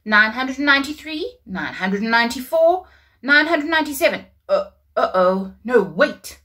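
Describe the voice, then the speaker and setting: A young woman reading the part of an earnest, easily muddled man in a storybook, counting haltingly. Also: sits high, expressive, sharp tone, heavily acted. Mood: flustered.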